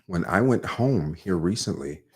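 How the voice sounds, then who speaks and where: Interview guest, man, very low voice, candid storyteller with self-mocking humor. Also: lively intonation, unhurried, darkish tone, breathy edge. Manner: candid, storytelling, jokes about himself. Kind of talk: casual interview chat.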